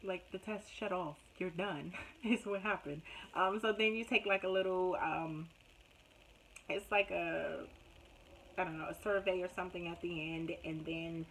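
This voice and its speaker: A young woman vlogging about her own experience, her voice bright and clear. She retells events dramatically, with lively swings of feeling and quick laughs, speaking straight to her viewers. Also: medium pitch, slight background noise, rough recording. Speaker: nurse vlogger. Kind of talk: casual storytelling vlog.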